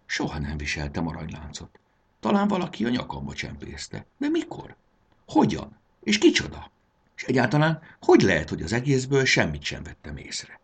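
A man's voice: mid-range voice, huge pitch swings, gravelly, breathy edge, voice pushed up, full character voice. A man voicing an earnest, anxious young boy in a storybook reading, urgent in his calls. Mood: puzzled. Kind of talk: audiobook character voice.

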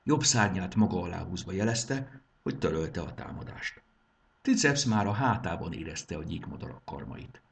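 A man reading a children's adventure story aloud in an expressive, steady manner. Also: low voice, creaky. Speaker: narrator.

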